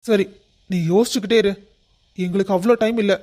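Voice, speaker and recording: A man's voice: sits high, fairly even intonation, brisk, darkish tone, natural voice. A man voicing a firm, protective middle-aged father in a cartoon family story, speaking in a commanding way.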